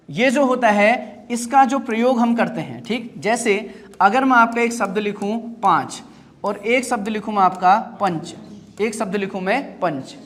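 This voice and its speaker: A man's voice: sits high, fairly bright tone. A man teaching a grammar lesson. He asks the class short repeated questions and answers them himself.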